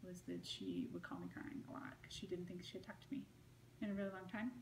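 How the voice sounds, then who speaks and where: A woman's voice: lowish voice, big pitch swings, fast. A woman being interviewed, telling a long story in a casual, rambling way full of "like" and "you know.". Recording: roomy with faint noise.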